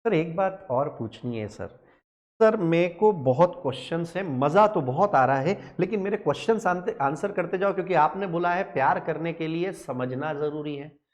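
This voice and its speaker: Cheeky young male student, whiny and playful, voice a little high, put on by a male teacher. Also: lively intonation, moderate pace, natural voice. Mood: eager. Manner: whiny, playful, keeps saying sir.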